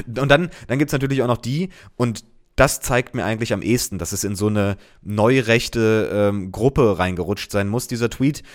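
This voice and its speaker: Sarcastic man with a lowish voice. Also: normal speed. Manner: sarcastic, deadpan asides. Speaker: social media commentator. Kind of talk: casual sarcastic commentary.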